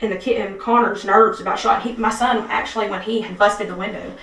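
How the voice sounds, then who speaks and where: A woman's voice: mid-range voice, fairly even intonation, a little fast, fairly bright tone, recorded from a distance. A woman being questioned by detectives, rambling anxiously with many restarts. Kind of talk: police interview statement. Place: police interview room. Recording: echoey room, speaker off-mic.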